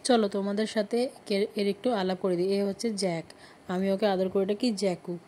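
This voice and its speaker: A woman's voice: medium pitch, steady tone, normal speed, dark tone, a little hiss or hum. A woman narrating her vlog in a chatty way, explaining who each family member is. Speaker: vlogger.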